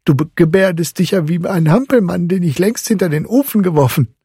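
A man's voice: high voice, expressive, brisk, dark tone, husky, dry recording, studio quality, voice pushed up, heavily acted. A man voicing a cheeky young boy who teases his godfather in a storybook reading. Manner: cheeky, teasing.

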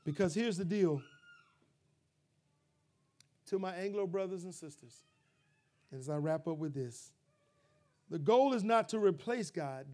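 A middle-aged male pastor preaching a sermon, rising to loud, emphatic peaks and dropping to low, quiet asides.

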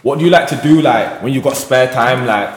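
A man's voice: medium pitch, fairly quick, a little hiss or hum. A man with a London accent co-hosting a casual interview, often repeating short phrases as he asks questions. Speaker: co-host interviewer. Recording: echoey hall.

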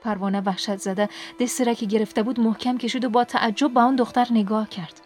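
A woman hosting a book podcast, reading a story aloud in an expressive way and sinking to a whisper in sad parts. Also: fairly high pitch, music in the background. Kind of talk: scripted audiobook narration.

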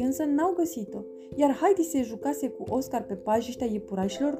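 A woman reading a children's storybook aloud in a lively, expressive way. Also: on the high side. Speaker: narrator. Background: background music.

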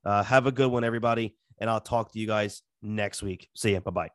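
Man, podcast host, nasal from a cold, lowish voice, casual and rambling, dry close sound. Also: steady tone, fairly quick, fairly bright tone, no echo. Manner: loose and rambling, many fillers and restarts. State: congested from a cold. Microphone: close podcast mic.

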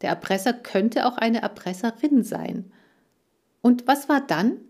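A woman's voice: fairly high pitch, animated, unhurried, darkish tone, pitched above the performer's own voice. A practical girl detective in an audiobook, read by a woman. She speaks firmly and matter-of-factly, taking charge. The voice stays close to the reader's own. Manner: firm, matter-of-fact. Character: level-headed girl detective, firm and practical.

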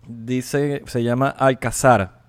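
A man's voice: medium pitch, steady tone, slow pace, clear, resonant tone. A man hosts a casual video chat, talking in a playful, slangy way and addressing his viewers directly. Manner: playful, chatty, lots of slang. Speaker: host.

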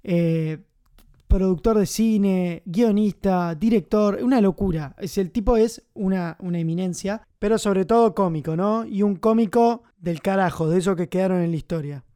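Chatty Argentine man with a high voice. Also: moderate pace, warm tone, clean tone. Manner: chatty, enthusiastic, many fillers. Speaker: film commentator host. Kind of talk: casual film commentary.

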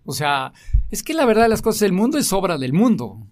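A man's voice: high voice, very animated, brisk. Rambling Mexican man sharing his faith. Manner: rambling, full of fillers and tag questions. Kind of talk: casual faith conversation.

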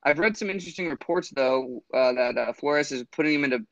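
A man's voice: a little high, a little fast, no echo, highs cut off. A man co-hosting a sports podcast, rambling with fillers and restarts. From Florida. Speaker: podcast co-host. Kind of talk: casual sports chat.

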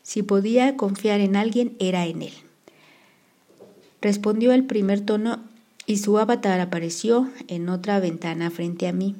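Mellow-voiced woman narrating an audiobook. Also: mid-range voice, measured pace. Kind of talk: audiobook narration, first person.

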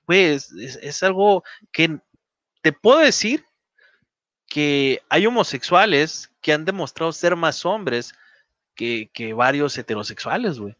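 A man's voice: fairly high pitch, lively intonation, a little slow, fairly bright tone, no room sound. A man with a Mexican accent hosting a podcast in casual conversation, rambling with lots of fillers and laughing often. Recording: dull, dry podcast audio.

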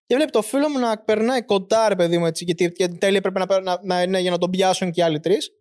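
A man's voice: high voice, darkish tone. A man telling a story in casual chat, rambling, with many fillers and acted-out quotes. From Greece.

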